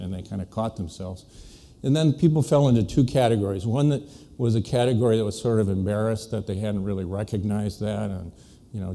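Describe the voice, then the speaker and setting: Dark-voiced man telling a story onstage. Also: medium pitch. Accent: American. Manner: conversational, anecdotal, drops to quiet asides. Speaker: physician giving a conference talk. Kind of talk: storytelling speech to an audience. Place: conference meeting hall.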